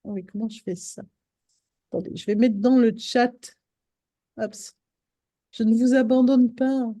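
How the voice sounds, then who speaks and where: Woman, casual live-stream chat, halting with fillers, slightly high voice, dry close sound. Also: mellow, no room sound. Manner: hesitant, many fillers and restarts. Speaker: host of a live stream on essential oils.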